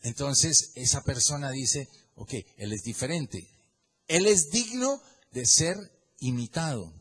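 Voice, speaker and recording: A middle-aged man preaching a sermon, swinging between loud emphasis and quiet asides and repeating phrases for emphasis. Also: mid-range voice, expressive, slow, breathy edge. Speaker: pastor.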